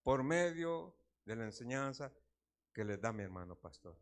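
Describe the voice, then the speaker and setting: A man's voice: mid-range voice, very animated, normal speed. A man preaching a sermon. He tells stories and asks the congregation questions. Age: 60s. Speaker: pastor.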